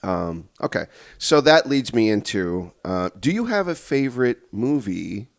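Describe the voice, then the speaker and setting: Man, podcast host, lowish voice, rambling and eager, lots of restarts. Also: very animated, unhurried. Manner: rambling, restarts questions, enthusiastic. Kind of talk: casual interview chat.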